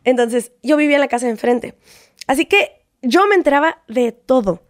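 A woman with a Mexican accent tells a personal story in an animated way, often throwing in tag questions. Her voice sits high. The sound is dry and close, with no room echo. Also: normal speed. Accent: Mexican Spanish. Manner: animated, acts out quoted exchanges, frequent tag questions. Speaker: guest telling a personal story. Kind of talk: casual conversational storytelling.

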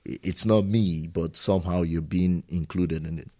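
A man's voice: low-pitched, steady tone, unhurried, mellow. A man who immigrated to Germany hosting an interview and asking long, rambling questions with frequent restarts. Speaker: podcast host. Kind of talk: casual interview.

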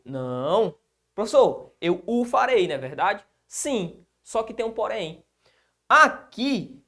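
Male teacher with a Brazilian accent. Animated, wide-ranging delivery that answers his own questions. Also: sits high. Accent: Brazilian Portuguese. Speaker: grammar teacher. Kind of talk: exam-prep video lesson.

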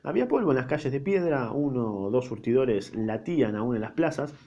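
A man's voice: medium pitch, lively intonation, fairly quick, warm tone. A man with a Rioplatense accent reading a book aloud and breaking in with casual, slangy comments, in a slightly dull lo-fi recording. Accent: Rioplatense Spanish. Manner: informal slangy asides.

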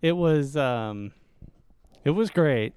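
A man, a teacher who edits the podcast, talking softly and hesitantly in a casual chat. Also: fairly high pitch, expressive, slow, slight background noise. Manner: soft-spoken, hesitant.

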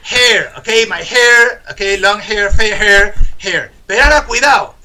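A man's voice: high voice, a little slow, sharp tone. A man hosting a live radio show, joking playfully as he teaches English words.

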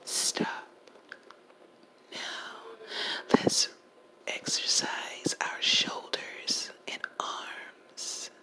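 A woman hosting a guided relaxation session in a slow, soft whisper, counting breaths and movements. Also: low-quality recording. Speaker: relaxation host.

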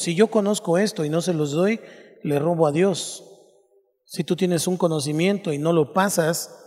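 A man's voice: fairly high pitch, a little mellow, long reverb tail. A male pastor teaching a sermon, explaining step by step and asking his listeners rhetorical questions.

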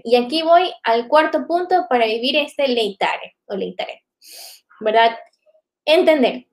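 A woman giving a reflective live faith talk to viewers, often tagging her sentences with "¿no?". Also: sits high. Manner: reflective, many filler tags like "¿no?".

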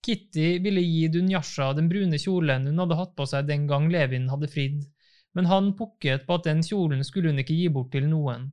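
Calm man reading an audiobook, steady, slightly high voice. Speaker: audiobook reader. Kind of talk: scripted narration.

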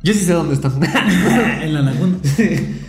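A young man jokes and rambles through casual slangy chat with friends. His voice sits a little high, and the room around him rings with echo. Faint music plays underneath. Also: expressive, measured pace, gravelly. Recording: roomy echoey room.

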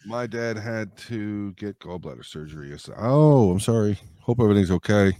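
A man in casual group banter as a podcast co-host, swearing freely and repeating his phrases excitably. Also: fairly low pitch, moderate pace, no echo, studio quality.

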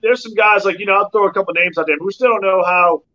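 A man's voice: high voice, fast talker, bright, forceful tone. A man rambling in casual sports chat, often restarting with "I mean", over a video call that keeps breaking up. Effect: choppy video-call connection breaking up. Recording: dull lo-fi video call audio.

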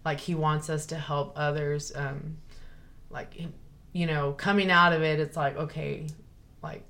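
A woman's voice: deep voice, fairly even intonation, measured pace, a bit bright. A young woman, talking earnestly and rambling with many fillers and restarts in a casual chat. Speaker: guest sharing her story.

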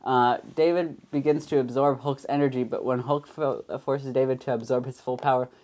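A man's voice: medium pitch, a little mellow. A man in casual chat among friends, recapping a story in a rambling way full of fillers.

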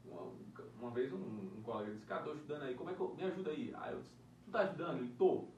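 A man's voice: mid-range voice, racing, highs cut off. A man chatting casually about exam prep, telling stories with plenty of swearing. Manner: profane, animated storytelling. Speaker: podcast co-host. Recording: roomy, distant mic, faint noise.

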